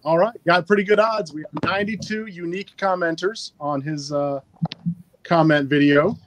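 A man's voice: a little high, normal speed, a bit bright, a little hiss or hum, low-quality recording. A man hosting a live stream giveaway in a casual, chatty and upbeat way, talking into a phone. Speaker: livestream giveaway host.

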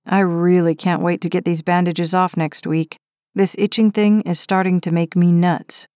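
A woman's voice: fairly low pitch, flat delivery, moderate pace, darkish tone, no echo, clean studio sound, natural voice. A woman reading the part of an injured young firefighter who talks in a timid, matter-of-fact way. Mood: plain. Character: injured young firefighter man, frustrated but gentle. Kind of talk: audiobook character reading.

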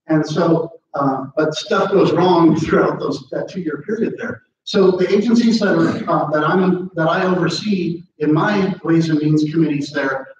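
Speaking unhurriedly and with few pauses, this middle-aged American man, a state legislator, has a slightly high voice. He rambles casually through a talk with audience questions, full of fillers and restarts, in a large meeting room. With no mic, just a distant camera, the sound is echoey and dull.

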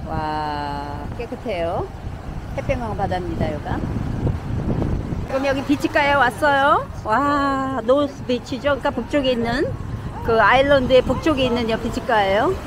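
A middle-aged woman, a travel vlogger, narrating what she sees outdoors on a beach and a sailboat, excited and chatty, recorded on a handheld camera. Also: fairly high pitch, moderate pace, noisy background. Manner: excited, describing sights as she films.

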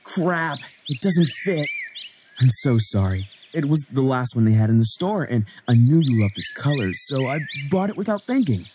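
A man's voice: mid-range voice, big pitch swings, normal speed, background noise, lightly acted. A man voicing a teasing young husband. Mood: playful. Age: 20s. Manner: teasing, wisecracking. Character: joking young husband, playful artist. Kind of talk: indie game voice acting.

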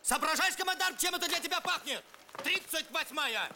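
A man's voice: very high-pitched, expressive, moderate pace. A man playing a hot-tempered, exacting middle-aged staff general in a war film. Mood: angry, urgent. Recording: noisy background ambience.

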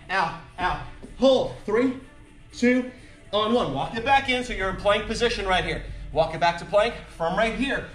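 A man's voice: sits high, a bit bright. A man in his thirties leading a workout as an aerobics instructor, calling out moves and counts in clipped, encouraging commands with lots of energy. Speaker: fitness instructor leading an online workout class. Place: large empty indoor gym studio. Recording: echoey large empty room.

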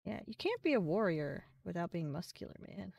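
A woman's voice: lowish voice, big pitch swings, brisk, vocal fry, a little mellow, no room sound, recorded from a distance, dull audio. A young woman streaming a game, chatting casually and thinking aloud as she goes, with the odd swear word. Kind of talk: casual live-stream commentary.

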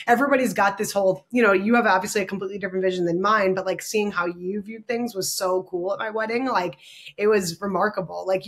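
Chatty woman photographer, lively. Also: mid-range voice. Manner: animated, chatty, filler-heavy. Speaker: photographer, guest. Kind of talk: casual conversation.

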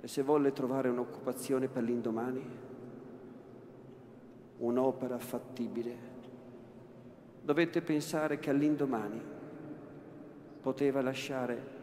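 A man, an actor, giving a slow dramatic reading of a classic novel, repeating words for weight, in a large cathedral. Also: medium pitch, fairly even intonation, a little mellow. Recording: echoey cathedral, long reverb, faint room noise.

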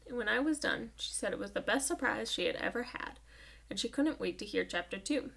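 A woman's voice: medium pitch, expressive, fairly quick, vocal fry, a bit bright. A woman reading a children's novel aloud with an engaged storytelling delivery. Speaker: audiobook reader.

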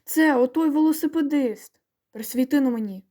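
A woman voicing an excitable, bold village boy who shouts in a shrill, squealing voice in a storybook reading. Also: moderate pace, natural voice. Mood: urgent commanding.

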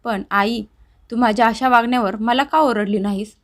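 A man's voice: extremely high pitch, steady tone, moderate pace, a bit bright. A woman narrator voicing a remorseful grown son who talks earnestly and tearfully to his family. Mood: pleading.

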